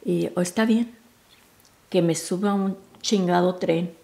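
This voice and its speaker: A woman in her seventies with a Mexican Spanish accent, telling family memories in a rambling, halting way and often dropping to a near whisper. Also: lowish voice, steady tone, creaky. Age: 70s. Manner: rambling and halting, with frequent restarts and soft, near-whispered asides. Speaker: mother recalling family memories. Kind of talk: informal family storytelling.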